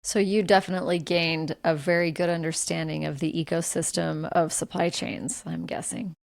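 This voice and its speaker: A woman's voice: fairly low pitch, flat delivery, normal speed, gravelly. A woman hosting a podcast interview, asking questions in a friendly, conversational way. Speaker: podcast host.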